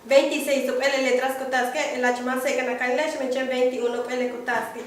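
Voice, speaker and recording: A young woman from Yucatán, Mexico, teaches letters and sounds, high-voiced, stopping often to search for words. She sits well back from the mic in a very echoey room. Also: level tone, far from the mic. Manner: halting, with many fillers. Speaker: language teacher. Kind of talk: teaching lesson.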